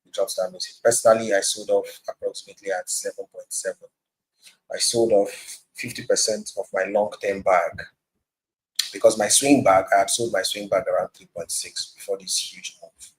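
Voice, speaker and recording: Host on a video call: man with a low, husky voice, walking through a chart in a casual market breakdown. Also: steady tone, moderate pace, poor audio. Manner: walks through a price chart step by step. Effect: voice heard over a video call. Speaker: crypto trading host sharing his screen.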